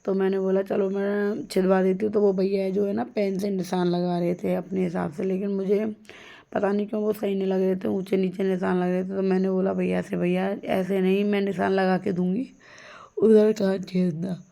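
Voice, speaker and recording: A woman's voice: mid-range voice, flat delivery, brisk, vocal fry, warm tone. A young adult woman chatting casually as she tells the story of her day in a home vlog. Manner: chatty, storytelling, laughs often. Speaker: vlogger.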